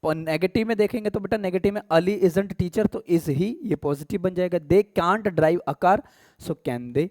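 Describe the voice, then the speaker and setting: An Indian-accented man teaching English grammar, chatting with his students and checking often that they follow. He slows down to read each English example aloud. The recording is dry and close, with no room echo. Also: sits high, a little mellow. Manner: addresses students as beta and pyare bachche, asks "theek hai?" often. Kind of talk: casual Hindi-English lesson.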